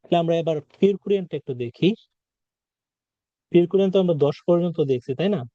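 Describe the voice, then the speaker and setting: A Korean language teacher with a fairly high yet mellow voice gives a vocabulary lesson, patiently repeating words and quizzing the listener. He talks fast, and the recording is dry and a little dull, lo-fi in character.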